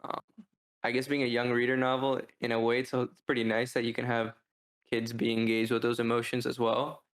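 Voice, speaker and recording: A male podcast co-host talks in a casual shared discussion with a medium-pitched, even, fairly flat voice at a fairly quick pace. He thinks aloud like a reviewer among friends, hesitating and restarting as he works through his points.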